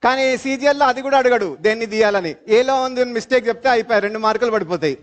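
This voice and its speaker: A man with a Telugu accent teaching an English grammar class, explaining slowly, repeating terms and quizzing his students. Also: very high voice. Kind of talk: live class lecture. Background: fans running in classroom.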